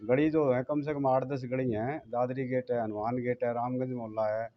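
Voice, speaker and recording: A man's voice: mid-range voice, steady tone, normal speed, muffled recording. A man, a local resident, complaining insistently in a street interview. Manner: aggrieved, insistent.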